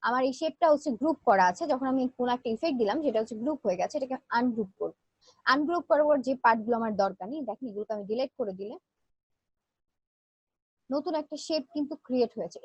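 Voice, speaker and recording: A high-voiced woman teaches design software in a live class, moving fast and explaining each step in turn. Her voice is close and dry, with a dull, lo-fi sound. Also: breathy edge, no room sound. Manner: explains step by step, fillers between steps. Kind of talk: live online class, screen demo.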